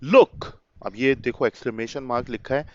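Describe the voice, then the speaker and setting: Man teacher, slow unhurried pace, smooth clear voice, dry close sound, slightly dull recording. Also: mid-range voice, no echo. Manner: reads English lines slowly, then explains word by word; addresses the listener as a child, calls them beta. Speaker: English teacher. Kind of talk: explaining an English reader in Urdu-Hindi.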